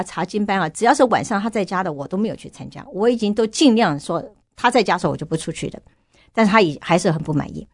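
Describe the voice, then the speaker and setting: Middle-aged woman guest, low-pitched and quick, earnest testimony. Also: dry recording, clean studio sound. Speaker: guest sharing her testimony. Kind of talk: personal faith testimony.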